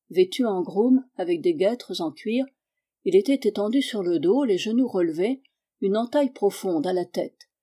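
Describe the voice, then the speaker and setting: A woman reading a story aloud as an audiobook narrator, in a measured, even way. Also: medium pitch. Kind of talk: scripted narration.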